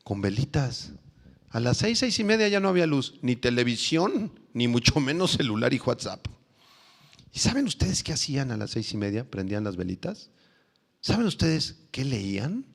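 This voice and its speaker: A Mexican pastor giving an animated sermon in a church, swinging from loud questions to hushed tones, with reverb from the hall. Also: male voice, mid-range voice, normal speed, creaky. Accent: Mexican Spanish. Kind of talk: evangelical sermon.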